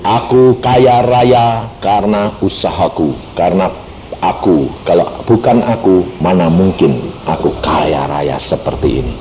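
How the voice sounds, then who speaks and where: A man's voice: deep voice, lively intonation, measured pace, mellow, a little hiss or hum, pitched below the performer's own voice. A man voicing a proud, dismissive older father who scolds his son.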